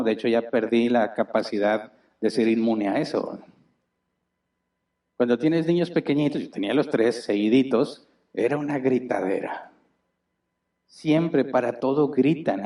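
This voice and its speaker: Warm-voiced pastor, heard from afar. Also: male voice, mid-range voice, distant mic. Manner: chatty and explanatory, tags points with rhetorical questions. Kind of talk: conversational sermon. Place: church auditorium.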